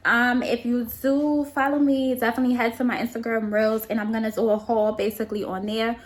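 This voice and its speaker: A woman's voice: fairly high pitch, little pitch movement, fairly quick, low-quality recording. A young woman from Queens, New York, with a New York accent, chatting in a rambling, casual way as she vlogs her errands. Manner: chatty and rambling, talks straight to her followers. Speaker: vlogger. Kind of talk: casual shop-along vlog.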